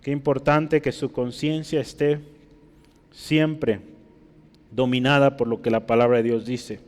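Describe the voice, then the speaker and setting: A man's voice: mid-range voice, fairly even intonation, a little slow, a little mellow. Reverberant male preacher, teaching tone. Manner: teaching, explains Greek words while writing on a board; addresses listeners directly with frequent rhetorical questions. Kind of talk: expository sermon. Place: church hall.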